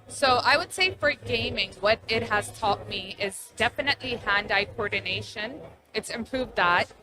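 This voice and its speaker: A woman's voice: on the high side, moderate pace, noisy background. A young adult woman, a gamer guest, talking casually and chattily with lots of fillers in an interview. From born in Abu Dhabi, Pakistani family, raised partly in Texas.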